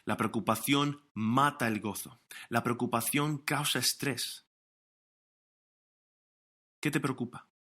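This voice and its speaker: An earnest male pastor preaches with emphatic weight, now and then tripping over his words and starting again. His voice sits in an ordinary middle pitch, and he delivers the sermon straight to an audience watching online. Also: slow pace, long pauses, sharp tone, breathy edge. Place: recorded for online streaming during lockdown.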